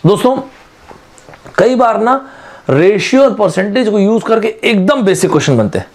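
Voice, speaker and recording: In an online exam-prep lesson, an aptitude teacher speaks in a fairly high, darkish, sing-song voice at normal speed. He chats with his students in a friendly way, mixing English terms into his explanations.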